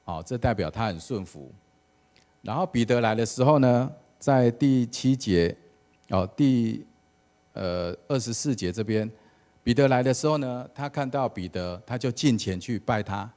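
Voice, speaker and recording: A man's voice: medium pitch, animated, unhurried, darkish tone. A man, a church elder giving a casual sermon with an anecdote at a prayer meeting. He talks conversationally and often starts phrases with "好" and "哦".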